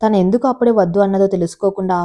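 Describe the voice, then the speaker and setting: Pushy, impatient young men, a woman narrator voicing them in a storybook, mellow tone. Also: medium pitch, fairly even intonation, racing, natural voice. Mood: eager.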